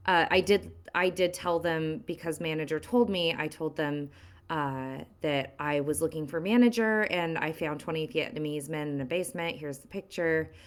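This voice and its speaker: Woman playing a flustered apologetic witness, hesitant, lowish voice, roleplay stream. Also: moderate pace, close to an everyday voice. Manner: hesitant, apologetic, says she sounds sarcastic. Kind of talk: roleplay in a live-streamed game.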